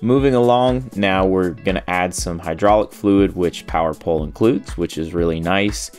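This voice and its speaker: A man in his thirties giving a steady, step-by-step voice-over on a boat installation. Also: low-pitched, normal speed. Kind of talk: voice-over how-to narration. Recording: faint music underneath.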